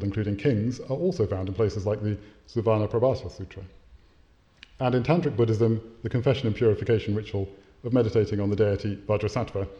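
A male academic gives a lecture that includes a story read aloud, in a lowish, mellow voice. His delivery is measured, with small hesitations and occasional self-corrections, on a dull lo-fi recording.

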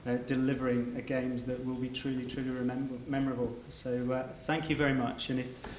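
A very polite, hesitant man giving formal remarks as the host of an event, speaking haltingly. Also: medium pitch, level tone. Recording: echoey room with background noise.

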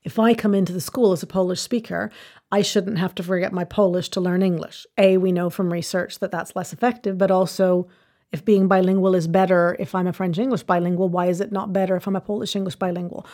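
Talking fast in a lowish, steady, dark voice, a woman being interviewed as a language education expert sets out her points in order, earnest and explanatory, in a measured conversational manner.

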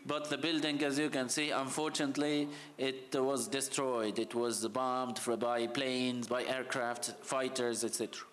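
A man from Libya gives a conference talk with slides, speaking passionately and urgently, halting often with fillers. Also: medium pitch, little pitch movement, a bit bright. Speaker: heritage official presenting.

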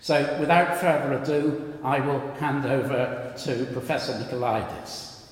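A man chairing an academic session, making formal introductions in a measured, somewhat halting way. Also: medium pitch, a little hiss or hum. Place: large reverberant lecture hall. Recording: very echoey hall, long reverb.

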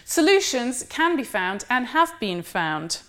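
Precise, higher-voiced woman lecturer. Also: big pitch swings, fairly bright tone. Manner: measured, precise, with small self-corrections. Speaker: university lecturer. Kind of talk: academic lecture.

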